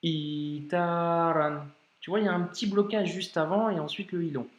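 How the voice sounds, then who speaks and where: A man teaching Arabic reading in an informal video lesson, speaking directly and encouragingly to the learner and slowly sounding out each word. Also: sits high, a little mellow, roomy sound, lo-fi sound. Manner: slows down to sound out words carefully.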